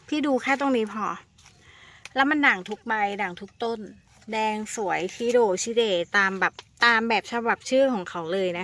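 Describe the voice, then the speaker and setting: This plant seller's fairly bright voice carries a casual, coaxing pitch to her viewers. She chats sweetly, calling them elder siblings, and repeats words in a playful way for emphasis.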